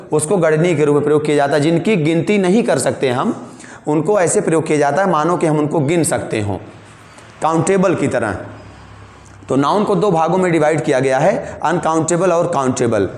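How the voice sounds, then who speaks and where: A man's voice: on the high side, animated, normal speed, darkish tone, reverberant. A man teaching English grammar rules, explaining each rule again in Hindi and asking his students questions.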